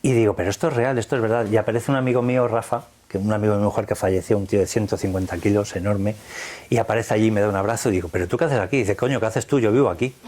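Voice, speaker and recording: A man's voice: lowish voice, steady tone, rapid-fire, darkish tone. A man from Spain with a Spanish accent, recounting a personal experience in earnest, vivid detail, quoting the dialogue. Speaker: interview guest.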